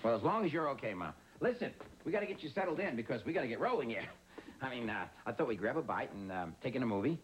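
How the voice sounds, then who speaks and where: An actor as an easygoing, flustered teacher who stammers through nervous restarts. His pitch swings up and down with lots of life. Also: sing-song, fast, a little hiss or hum, close to an everyday voice. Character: easygoing, flustered middle-aged male teacher. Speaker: high school teacher. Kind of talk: sitcom acting.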